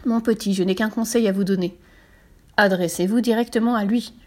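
A woman's voice: medium pitch, steady tone, brisk, close to an everyday voice. Woman playing an elderly pope, stern yet kindly. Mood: advising. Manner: cross and dismissive, then gently advising. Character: stern, then softened old male pope.

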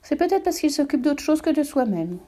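A woman reading aloud and voicing a gentle, curious little boy who asks earnest questions. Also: high voice, big pitch swings, a little fast, pitched above the performer's own voice. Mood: wondering.

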